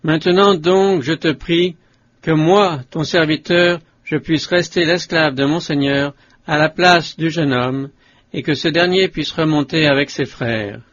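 A man's voice: fairly high pitch, fairly even intonation, measured pace, a bit bright, highs cut off. Judah, a man reading a humble pleading brother. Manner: humble, imploring. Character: Judah, grown man pleading desperately before a ruler. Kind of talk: scripted audiobook reading.

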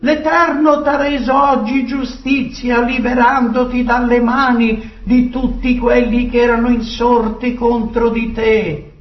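A man's voice: very high-pitched, level tone, measured pace, pitched above the performer's own voice. A man voicing a humble foreign servant bringing news in a dramatic scripture reading. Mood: proclaiming. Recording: distant echoey dull recording.

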